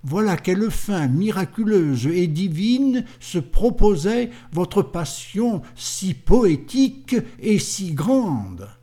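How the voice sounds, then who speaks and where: A man's voice: sits high, sing-song, takes it slowly, hardly any pauses, warm tone, voice pushed up, exaggerated voice. Lélia, a proud scornful young woman, read by a man. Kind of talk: audiobook character reading.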